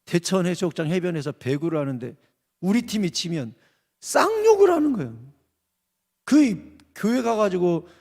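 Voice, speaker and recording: A middle-aged male pastor preaching to his congregation, with high and very lively swings in pitch. His voice has a gravelly edge. It carries a long reverb from the church hall. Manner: emphatic, dramatic preaching that acts out quoted voices. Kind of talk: revival sermon. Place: church sanctuary.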